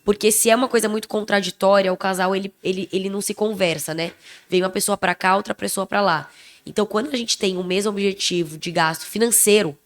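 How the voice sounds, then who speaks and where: A young woman with a Brazilian Portuguese accent co-hosting a podcast in casual chat, emphatic and expressive, a little under the weather. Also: mid-range voice, fast. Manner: expressive, emphatic, self-described loud voice. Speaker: podcast co-host.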